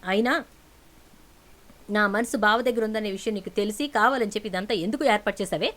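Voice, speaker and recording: A woman's voice: mid-range voice, a little fast, lightly acted. A woman voicing a young woman desperate to marry her cousin, pleading and defiant in turn. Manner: pleading, then defiant and shouting.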